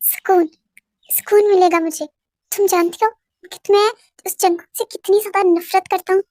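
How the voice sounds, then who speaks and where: A woman's voice: very high-pitched, fairly even intonation, normal speed, darkish tone, dry recording, studio quality. A woman voicing an obsessive, vengeful young man who makes gloating, cold threats in a fan audio drama. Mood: menacing.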